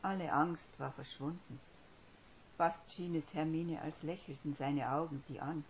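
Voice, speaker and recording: A woman reading a story aloud in a steady, measured way. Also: deep voice, slight background noise. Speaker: audiobook reader. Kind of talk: scripted fiction narration. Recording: dull lo-fi recording.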